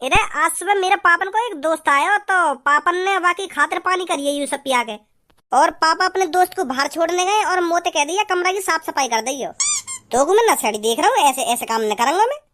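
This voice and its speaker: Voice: very high-pitched, expressive, fairly quick, sharp tone, heavily acted. A performer voicing a cartoon young man who pleads and explains himself. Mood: defensive. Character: easygoing young male friend, defensive.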